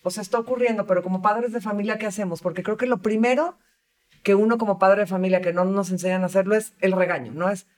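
Mom host, asking personal questions, sounds a bit far off the mic. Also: female voice, medium pitch, fairly even intonation, fast talker, a little mellow. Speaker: interview host and mother. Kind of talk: conversational interview.

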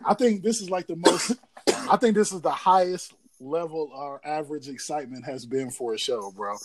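A man hosting a podcast in casual, slangy, profane frat-bro banter, excitable and quick to laugh. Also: fairly high pitch, crowd noise. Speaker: podcast host.

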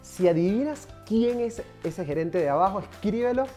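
A man speaking as a career coach in an energetic video tutorial, stressing points by repeating words and speaking straight to his viewers. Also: high-pitched, moderate pace, faint music behind.

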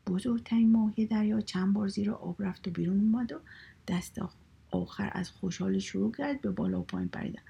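Breathy woman reading a children's story. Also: medium pitch, dark tone.

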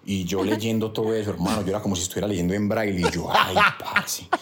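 A man's voice: on the low side, rapid-fire, slight background noise. A man with a paisa accent telling a story in a voice note, acting out the quoted lines. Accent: paisa (Antioquia, Colombia). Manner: lively, acts out every quoted line in different voices. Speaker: listener sending a voice note.

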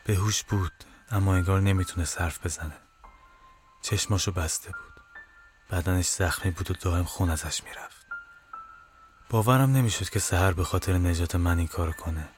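A man's voice: deep voice, long pauses. A man narrating a first-person supernatural horror story with dramatic, tense delivery. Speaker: narrator and writer. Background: guitar music.

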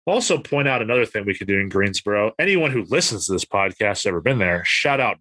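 A man's voice: lowish voice, sing-song, fast, fairly bright tone, dry recording. A man co-hosting a podcast, chatting casually and thinking aloud as he goes. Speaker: podcast co-host.

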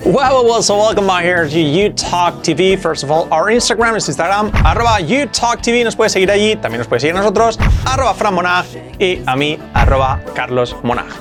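Lively Spaniard teaching English. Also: male voice, high voice, faint music behind. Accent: Spain Spanish. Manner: energetic, repeats English examples slowly and clearly. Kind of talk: Spanish-language video lesson on English.

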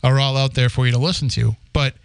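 A Boston-area native in his forties hosts a podcast and tells its story in a chatty, rambling way, often restarting and laughing. His medium-pitched voice is gravelly yet smooth, fast and fairly even, with no room sound.

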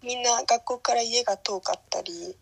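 A woman in her late teens chatting casually and politely, often with soft laughter. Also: on the high side, normal speed, creaky. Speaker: guest looking back on high school. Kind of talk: casual chat, polite to an elder.

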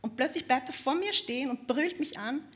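Viennese lady telling stories, a bit high, super animated, laughs a lot. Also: brisk. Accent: Viennese German. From Vienna, Austria. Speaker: musician guest. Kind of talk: lively anecdotal storytelling.

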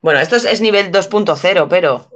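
A woman's voice: lowish voice, expressive, fast, a bit bright, lo-fi sound. A woman hosting a podcast, chatting playfully and laughing often while trying out Basque phrases. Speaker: podcast host. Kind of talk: casual chat, learning Basque phrases.

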